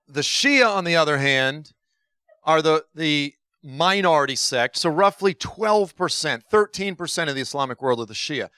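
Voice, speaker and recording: A man's voice: mid-range voice, sharp tone, smooth, no room sound, studio quality. A man giving a conversational Bible teaching talk to a congregation, informal and joking, with frequent restarts and asides.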